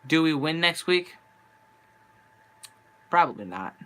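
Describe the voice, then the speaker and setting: A young man streams from home, his voice bright and clean but worn from an hour of talk. He vents in a frustrated, rambling way, restarting his sentences. He sits a touch high for a man. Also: very animated, slow pace, clean tone. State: losing his voice. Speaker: sports fan streamer. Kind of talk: venting live-stream monologue. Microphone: handheld camera.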